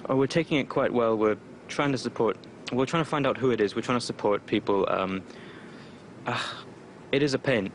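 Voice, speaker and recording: A man speaking through a disguise that makes his voice sound deeper. He is a spokesperson answering interview questions over a remote call, defiant and loose, with many fillers. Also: fairly quick, slight background noise. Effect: voice disguised lower. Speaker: spokesperson for online activist group. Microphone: remote call connection.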